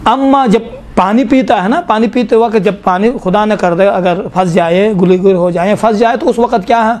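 High-voiced man teaching Quran recitation. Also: a little mellow. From Pakistan. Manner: explains slowly, asks the class questions, draws out sounds. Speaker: tajweed teacher. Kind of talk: classroom Quran recitation lesson.

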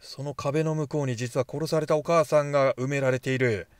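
A man's voice: mid-range voice, steady tone, a little fast, clear, resonant tone, no room sound, clean studio sound. A man giving casual, jokey commentary while playing a horror game, chatting to himself as he goes. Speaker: game streamer.

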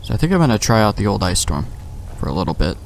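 A let's play host with a lowish, gravelly voice talks fast, his pitch swinging widely as he rambles casually through gameplay, thinking aloud and swearing mildly. Faint game music plays behind him, along with slight background noise.

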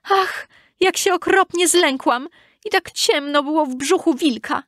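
A woman's voice: animated, measured pace, no echo, clean studio sound. A woman doing a frightened little girl. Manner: high, bright childlike voice. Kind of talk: storybook reading.

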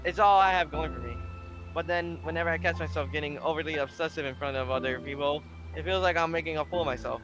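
An anxious, bookish teenage girl who is hard on herself, read aloud by a man in his own voice. The voice sits a little high, read plainly off the screen with game music playing behind. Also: quick pace, close to an everyday voice, rough recording. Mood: downcast. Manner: plain reading of dialogue off the screen.

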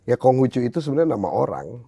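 A man's voice: mid-range voice, sing-song, fast, mellow, slightly rough, no echo, lo-fi sound. An Indonesian man, a Confucian priest, who is a guest on a podcast and explains his faith in a blunt, outspoken way. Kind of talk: casual podcast chat, explaining.

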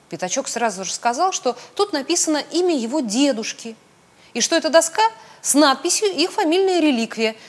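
Husky woman reading a children's tale. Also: on the high side. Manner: expressive, sing-song storytelling. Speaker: storybook reader. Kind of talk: children's audiobook narration.

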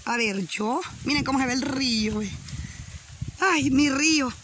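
A giggly Honduran woman with a bright, sharp voice, talking casually to her camera while walking by a river. She teases her companion and laughs often, with faint outdoor noise behind her. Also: high voice, unhurried. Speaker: vlogger. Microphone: handheld camera while walking.

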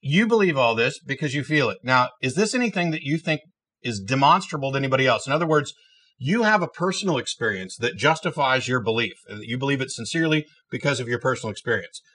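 A man's voice: medium pitch, animated, fast, bright, forceful tone, slightly rough. A man in his thirties hosting a call-in show, debating a caller in a probing, challenging way and often cutting in. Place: small TV studio, indoors.

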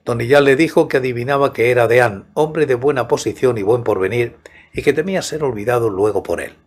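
An older man in his sixties narrates as an audiobook storyteller. His voice is husky and mid-pitched, with a measured, soft-spoken delivery close to the mic. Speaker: host and narrator of horror audiobook channel. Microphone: large studio microphone close to the mouth, headphones.

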